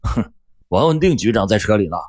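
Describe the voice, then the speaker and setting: A man voicing an arrogant, short-tempered male chauffeur who talks loud and impatient. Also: big pitch swings, fairly quick. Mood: haughty. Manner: loud, impatient, high-pitched.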